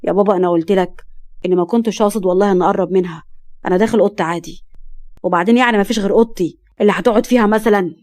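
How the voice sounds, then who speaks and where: A woman's voice: mid-range voice, very fast, a little mellow, lightly acted. A woman voicing a brash, drunken young man with an Egyptian accent and a sly drawl. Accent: Egyptian Arabic.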